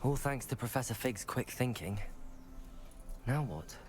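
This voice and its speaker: A man's voice: medium pitch, lively intonation, a little slow, natural voice. An actor playing a curious, earnest teenage male student wizard in a video game. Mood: curious, wary.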